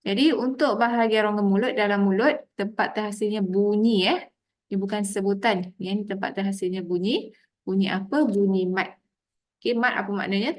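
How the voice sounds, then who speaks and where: A woman with a Malaysian Malay accent teaching Quranic pronunciation, patiently demonstrating each letter sound slowly. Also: medium pitch. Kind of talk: tajwid pronunciation lesson.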